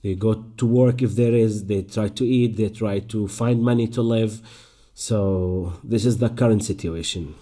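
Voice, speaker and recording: A young man from Palestine speaks English with an Arabic accent, answering interview questions in a low, mellow voice. He talks thoughtfully, pausing and restarting as he works through his answers. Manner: thoughtful, halting, many restarts. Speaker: actor and performer. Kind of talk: interview conversation.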